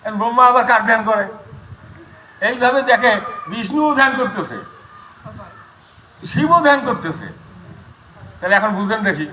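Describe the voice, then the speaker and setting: A man's voice: high-pitched, normal speed, pauses often. A man giving a religious discourse to a gathering, explaining his points through repeated rhetorical questions. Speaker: Gita discourse speaker. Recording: steady background noise with clicks.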